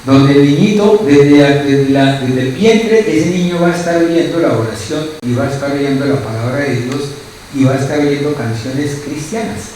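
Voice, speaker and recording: A man's voice: on the high side, normal speed, a little mellow, very echoey, recorded from a distance, a little hiss or hum, low-quality recording. A man preaching a sermon as pastor, who keeps asking his listeners short questions. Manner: asks the congregation constant questions.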